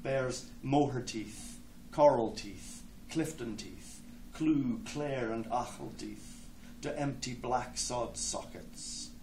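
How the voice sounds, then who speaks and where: A man with an Irish accent, a poet giving a reading with spoken introductions, hesitant between phrases and slow in verse. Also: medium pitch, dark tone. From Ireland. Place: lecture hall with an audience. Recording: echoey hall, distant mic, background noise.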